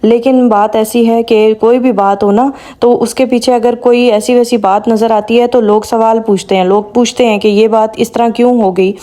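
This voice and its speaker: A woman's voice: fairly high pitch, fairly even intonation, few pauses, dark tone. A woman vlogger giving casual commentary, talking straight to her viewers in a chatty way. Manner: chatty, addresses viewers directly.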